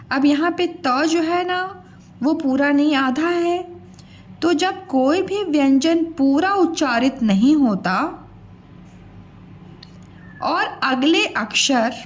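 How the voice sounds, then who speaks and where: A woman teaching young children a grammar lesson, slowly sounding out words syllable by syllable. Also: high-pitched.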